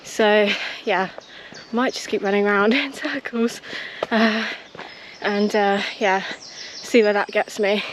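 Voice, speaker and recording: A woman's voice: medium pitch, fairly even intonation, slow pace. A British woman chatting casually to her vlog while out jogging on outdoor trails. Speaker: running vlogger. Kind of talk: casual vlog chat to camera. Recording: noisy outdoor ambience.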